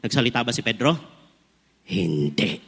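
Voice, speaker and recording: A man's voice: mid-range voice, normal speed, slightly rough. A man in his forties preaching at a conference, telling funny personal stories and asking the crowd questions. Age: 40s. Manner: animated, humorous storytelling, asks the crowd questions. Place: large indoor conference hall. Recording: long reverb of a large hall.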